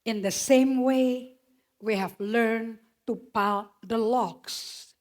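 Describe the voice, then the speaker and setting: A woman's voice: fairly high pitch, very slow, a little mellow. A woman preaching a sermon, emphatic and slipping English phrases into her talk. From Indonesia.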